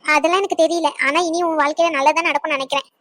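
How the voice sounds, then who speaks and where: A woman's voice: sits high, fairly even intonation, fairly bright tone, no echo, studio quality. A woman voicing a caring young woman in a cartoon who coaxes and advises her friend. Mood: coaxing. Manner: coaxing, advising, quick. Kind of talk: cartoon voice acting.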